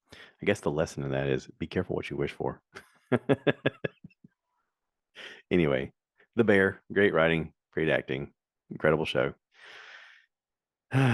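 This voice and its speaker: Very deep-voiced chatty man. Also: no room sound, studio quality. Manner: rambling, chatty storytelling with many fillers. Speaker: podcast host. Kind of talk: casual solo podcast chat.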